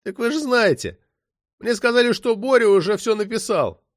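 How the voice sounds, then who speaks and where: A frightened male detainee in an audiobook, lisping and pleading in a high, strained voice as a male narrator voices him. The recording is close and dry. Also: expressive, normal speed, no echo. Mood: panicky pleading.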